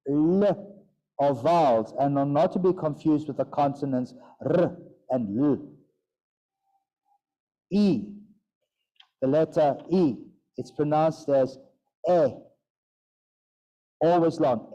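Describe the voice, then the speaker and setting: A man's voice: on the high side, dark tone. A man teaching a yoga and Sanskrit pronunciation class, playful and demonstrating sounds aloud. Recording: dull lo-fi sound.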